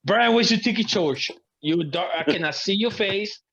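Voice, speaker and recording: A man with a thick accent trades casual jokes as a podcast panelist. His voice sits a little high, and the microphone sounds slightly dull and lo-fi. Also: animated, moderate pace, creaky, over a noisy crowd. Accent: noticeably thick accent. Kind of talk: casual joking banter.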